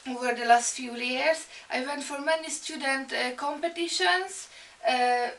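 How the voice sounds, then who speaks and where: Hungarian-accented woman, bright and a bit gravelly. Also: high voice, roomy sound, recorded from a distance. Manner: halting, many ums and restarts. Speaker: art and fashion student. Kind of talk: personal introduction video.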